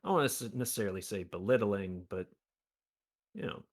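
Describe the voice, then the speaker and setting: A man's voice: fairly low pitch, expressive, fairly quick. A man, a guest on a stream, chatting with a mocking, theatrical delivery. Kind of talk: casual chat.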